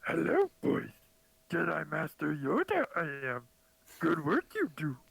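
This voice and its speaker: A man's voice: a little high, huge pitch swings, unhurried, creaky, a bit bright, breathy edge, dry recording, voice pushed up, exaggerated voice. A man putting on a tiny ancient male alien sage in a voice message, talking with his words in reversed order. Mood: cheery. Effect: played as a voice message.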